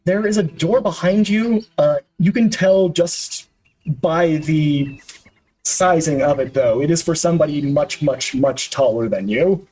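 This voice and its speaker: Husky-voiced game master narrating. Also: male voice, fairly high pitch, a little slow, darkish tone, rough recording. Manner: descriptive, with frequent uhs and restarts.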